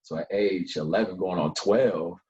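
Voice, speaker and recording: A young man from Colorado Springs, a nonprofit founder, talking at length in a relaxed interview, with plenty of fillers along the way. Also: sits low, moderate pace, lo-fi sound. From Colorado Springs, USA. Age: young adult. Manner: long-winded, relaxed storyteller with frequent fillers. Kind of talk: casual interview chat.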